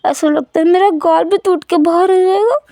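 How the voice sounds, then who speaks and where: A woman's voice: very high-pitched, moderate pace, mellow, no room sound, clean studio sound, pitched above the performer's own voice. A woman voicing a playful young man who whines and yelps dramatically in a storybook retelling. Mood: whining. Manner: whining, yelping, overdramatic.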